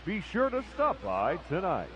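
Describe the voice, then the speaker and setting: A man's voice: high voice, wildly swooping pitch, full character voice. A man voicing a stadium announcer heard over a PA system, drawing out formal announcements. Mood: promotional. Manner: drawn-out formal announcer delivery. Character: male ballpark announcer, formal and booming. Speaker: stadium public address announcer. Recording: dull PA sound over a loud crowd.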